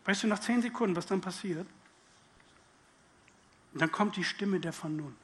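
A man's voice: sits high, normal speed, fairly bright tone. A man preaching a sermon, speaking directly to his listeners with questions and acting out inner voices. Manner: acts out inner voices in quotes.

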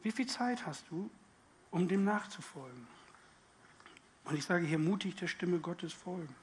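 A man's voice: high voice, expressive, measured pace, a little hiss or hum. A man preaching a sermon, speaking directly to his listeners with questions and acting out inner voices. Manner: acts out inner voices in quotes.

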